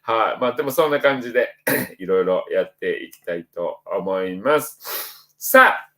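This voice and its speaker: A middle-aged man with a lilt hosts a casual livestream as a spiritual counselor. His speech swings widely in pitch and jumps up brightly whenever he reads out a viewer's name. He stays chatty and upbeat throughout. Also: animated, normal speed. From Osaka, Japan. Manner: chatty and upbeat, voice jumps up when reading out names. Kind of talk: casual livestream chat reading viewer comments.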